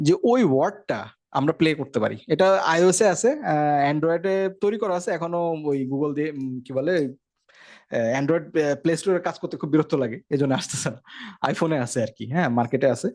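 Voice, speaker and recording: A man gives a casual tech lecture at a rapid clip. His voice sits a little high, and he keeps the tone conversational, often stopping to check that his listeners are following. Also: darkish tone. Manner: fast, conversational, frequent check-ins. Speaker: instructor.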